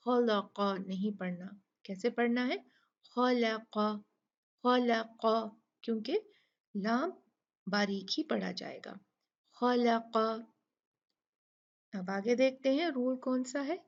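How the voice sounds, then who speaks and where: A woman teaching a recitation lesson, asking questions and answering them herself, and slowly sounding out example words. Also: a little high, a little mellow, slightly rough. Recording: dull lo-fi recording.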